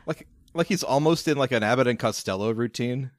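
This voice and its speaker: A man chatting on a film podcast, stumbling and restarting as he rambles through a scene. His voice has a middling pitch. The sound is dry, with little room around it. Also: a little fast, no echo. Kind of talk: casual film discussion.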